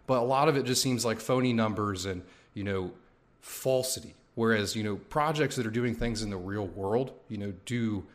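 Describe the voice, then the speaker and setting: Casual podcast host, lowish male voice. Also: moderate pace. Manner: relaxed, filler-heavy talk with many "you know"s. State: sore mouth from a tooth coming in.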